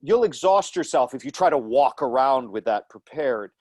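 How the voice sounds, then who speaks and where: His voice is medium-pitched, darkish and expressive at a normal speed: a man in his thirties teaching acting online in a live lecture and Q&A. He is in a small room at home on a video call using an earphone headset mic, and the recording is dry. He speaks thoughtfully with many fillers and restarts while gesturing with his hands.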